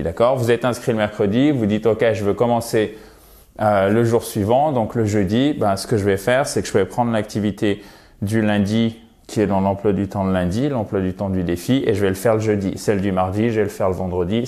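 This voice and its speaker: A man's voice: on the low side, steady tone, brisk, mellow. Chatty man teaching pronunciation. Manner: chatty, explains step by step with frequent "ok?" and "d'accord?"; models English sounds by repeating them. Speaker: English teacher. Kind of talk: casual video lesson.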